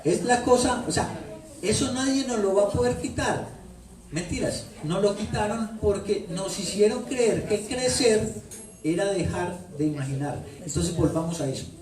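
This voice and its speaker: A high-pitched male voice with a Colombian paisa accent speaks at a moderate pace as an author entertains a book-launch audience. He's playful, repeating phrases for effect as he tells stories into a handheld mic. The bookstore event room sounds echoey and distant, with crowd noise audible.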